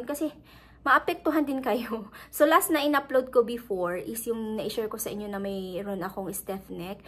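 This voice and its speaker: Chatty woman vlogger from the Philippines. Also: a little high. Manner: chatty, laughs often, mixes English into Tagalog. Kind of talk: casual vlog chat.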